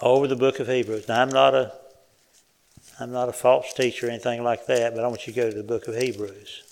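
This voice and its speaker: Folksy preacher with gravelly voice. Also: male voice, mid-range voice, quick pace. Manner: folksy, animated, with restarts and audience questions. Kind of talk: sermon.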